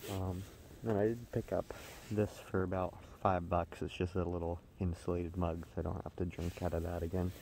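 A man's voice: sits low, normal speed, gravelly, very noisy. A young man casually narrating his solo camping trip outdoors, rambling with lots of "uh" fillers. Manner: relaxed, rambling with many "uh" fillers. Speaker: camping vlogger. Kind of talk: casual self-filmed vlog narration. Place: outdoors at a forest campsite in winter.

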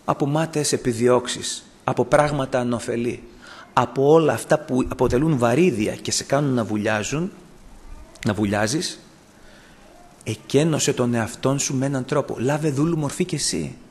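A man pastor delivering an impassioned sermon, swinging between loud declarations and hushed confession. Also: mid-range voice, husky.

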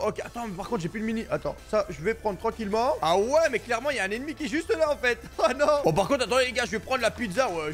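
A young man with a strikingly high voice narrates his Fortnite match as he plays it. His talk is animated and slangy, full of buddy-words. Faint game music sits beneath him. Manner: animated, slangy, keeps saying "gros" and "mec". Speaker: gaming YouTuber. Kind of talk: excited Fortnite gameplay commentary.

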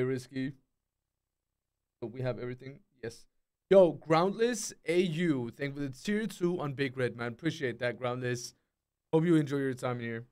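A man's voice: on the high side, clean tone. A young man live-streaming a game, chatting casually and greeting his chat one by one in a laid-back way.

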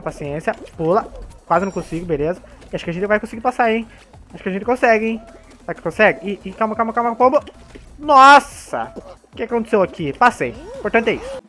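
A man with a Brazilian accent narrates his gameplay in an excitable, chatty way. He laughs often and calls out to the other players. His pitch swings widely, and faint music plays behind him. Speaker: gamer. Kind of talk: gameplay commentary.

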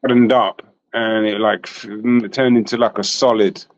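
English dude on a lo-fi video call, chatty, lots of bro and mate. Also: male voice, fairly low pitch, fairly even intonation, normal speed, no echo. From England. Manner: chatty, trailing restarts, says bro and mate. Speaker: guest boxing channel host. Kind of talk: casual chat. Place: small room indoors. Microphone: video call webcam. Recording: dull lo-fi call audio, dry.

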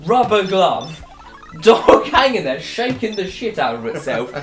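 Lively high-pitched man telling stories. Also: unhurried, loud music behind the voice. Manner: animated, profane, laughs through stories. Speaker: podcast co-host. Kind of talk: casual chat, anecdote telling.

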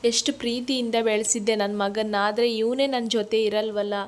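A woman's voice: on the high side, steady tone, moderate pace, lightly acted. A woman reading the lines of a clingy, dramatic middle-aged mother who wails and pleads. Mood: wailing. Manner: wailing, melodramatic pleading.

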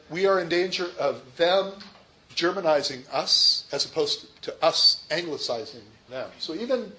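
A man's voice: on the high side, bright, forceful tone, low-quality recording. A man giving a classroom history lecture in an emphatic way, often asking his listeners rhetorical questions. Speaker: history teacher.

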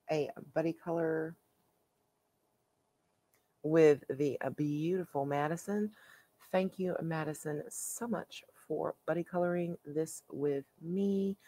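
Low, mellow woman host, unhurried, casual show-and-tell chat. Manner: chatty, halting with fillers. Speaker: coloring channel host.

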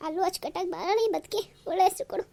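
A woman's voice: extremely high pitch, quick pace, mellow. A woman voicing an old village landlord father in a cartoon, earnest and fatherly.

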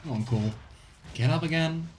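Speaking a little fast in a slightly high voice, a young man offers playful, casual commentary on the video game he's playing live, talking to the game and to viewers alike. He's in a small indoor room at home with game music playing, and there's slight background noise.

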